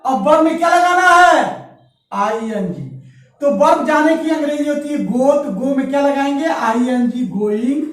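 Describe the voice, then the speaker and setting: A man's voice: very high-pitched, lively intonation, moderate pace. A male teacher giving a grammar lesson, asking questions and answering them himself, and dictating example sentences word by word. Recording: echoey room, voice from far off.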